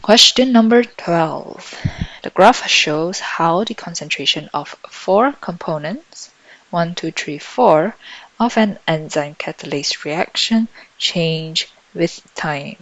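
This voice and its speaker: A woman tutor thinking out loud as she works through exam questions in a lesson, on a dull lo-fi microphone. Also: fairly low pitch, expressive, slow, dry recording. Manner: thinking out loud while solving. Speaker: biology tutor.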